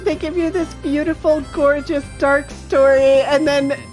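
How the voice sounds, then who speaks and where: A woman's voice: sits high, fairly even intonation, a little slow, a little mellow, faint music behind, poor audio. A woman streaming a video game, chatting with her audience and laughing often in delight. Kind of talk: live game commentary.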